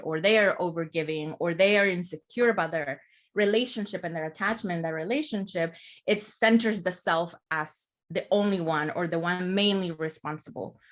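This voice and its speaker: A woman therapist from El Salvador, her voice lowish and her speed normal, chats as a guest on a casual podcast. She reflects and explains as she goes, often asking "right?".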